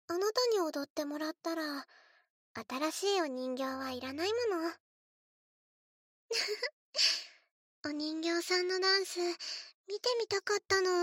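A high, childlike little girl, speaks slowly in a cutesy, coaxing way. She is spoiled and eerily sweet, addressing the listener as her living doll in a scripted role-play, recorded close and dry. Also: a bit bright, dry recording, heavily acted. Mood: delighted, coaxing. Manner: cutesy, coaxing, childlike, refers to herself in third person.

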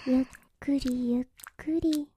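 A woman voicing a teasing young masseuse who tends to a hero, speaking in a soft breathy whisper with a slow, coaxing, giggly manner. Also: high-pitched, steady tone, slight background noise. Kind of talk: whispered ASMR roleplay.

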